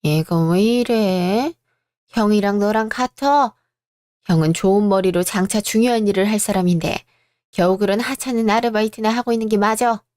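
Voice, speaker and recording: A sharp-tongued elderly mother who dotes on her elder son and scolds the younger one, voiced by a woman. Her voice climbs high and cutting, and she nags without pause. Read dry and close, in the manner of a Korean radio drama. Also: dry recording, lightly acted. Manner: scolding, nagging.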